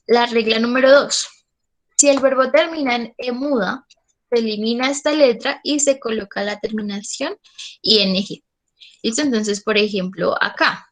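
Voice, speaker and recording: A woman's voice: fairly high pitch, a bit bright, rough recording. A woman teacher, patiently explaining English grammar in an online class and often checking that students follow.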